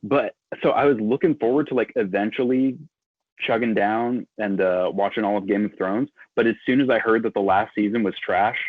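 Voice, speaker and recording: A man's voice: lowish voice, moderate pace, dry recording. An American man chatting casually as a guest over a laptop video call, easygoing and saying dude a lot. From United States. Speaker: guest musician. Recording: tinny phone-like call audio.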